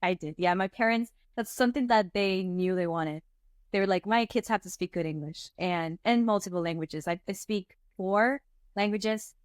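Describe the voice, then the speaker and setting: In casual interview talk, a twenties-aged woman from Venezuela, guest and startup co-founder, speaks in a mid-range voice at normal speed. She is an animated, chatty storyteller who leans on fillers like "like" and "um," and the recording is dry and close.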